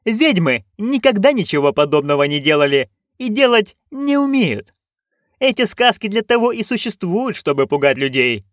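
A man voicing a haughty, scornful duchess in an audiobook, high, sharp and commanding. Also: very animated, normal speed, no room sound, clean studio sound. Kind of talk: audiobook reading.

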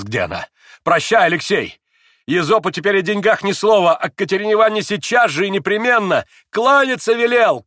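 A man voicing a violent, furious young man who shouts and vows vengeance, in an audiobook. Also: mid-range voice, no echo, studio quality. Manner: vehement, passionate shouting.

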